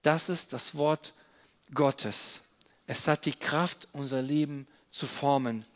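A man's voice: a little high, takes it slowly. A man preaching a sermon as an object lesson, explaining while he handles props and repeating his key phrases earnestly.

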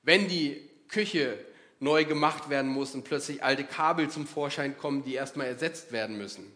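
A man preaching a sermon in a lively, conversational way, acting out inner voices as he talks. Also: medium pitch, normal speed.

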